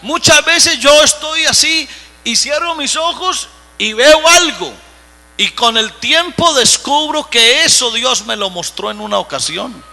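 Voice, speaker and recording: A pastor with a strikingly high, piercing voice delivers a live sermon at a slow, deliberate pace. He preaches emphatically and breaks into sudden shouts. The sound carries a long church-hall reverb with a faint mains hum beneath it. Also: animated, creaky. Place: church sanctuary.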